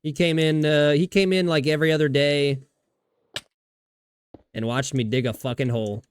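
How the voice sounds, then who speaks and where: A man chats casually with viewers while streaming a video game, rambling, swearing often, and restarting his sentences. His voice is fairly high with a steady tone and normal speed, and there's a little hiss or hum in the recording.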